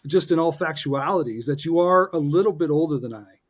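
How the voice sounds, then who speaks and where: Upbeat and joking, a forties-aged podcast co-host chats casually and ribs his co-host, frequently restarting and using fillers. His voice is on the high side and his pace fairly quick.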